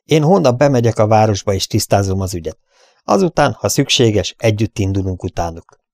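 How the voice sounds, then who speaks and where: A man's voice: fairly low pitch, lively intonation, a little mellow, no room sound, clean studio sound. A man voicing a determined young frontier rider in an audiobook, speaking urgently and resolutely. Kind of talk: audiobook character voice.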